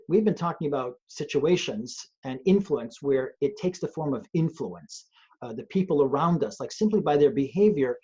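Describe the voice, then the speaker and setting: A man's voice: a little high, dark tone, husky, highs cut off. A man, a police trainer, talking earnestly and thoughtfully on a webcast, often restarting his sentences. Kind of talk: conversational webcast talk. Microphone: video call.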